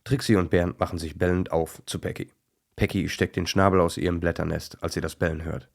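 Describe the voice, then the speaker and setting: A man narrating a children's animal story in a gentle, even storytelling manner. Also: low voice, brisk, vocal fry.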